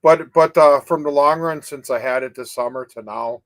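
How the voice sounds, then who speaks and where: A man's voice: on the high side, normal speed, a bit bright, no echo, low-quality recording. An older man chats casually on a live stream. His speech rambles with false starts and trailing "you know?" tags. The sound is dry and close, with no room around it. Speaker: co-host of a live advocacy chat.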